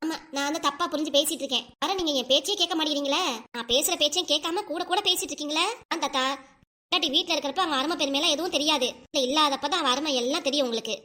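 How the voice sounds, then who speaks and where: A woman voicing a crying grandmother over sixty in a cartoon, scolding her husband rapidly, with a southern Tamil Nadu dialect. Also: high voice, pushed and bright. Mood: tearful scolding. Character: upset old grandmother, wife over sixty. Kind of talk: cartoon voice acting.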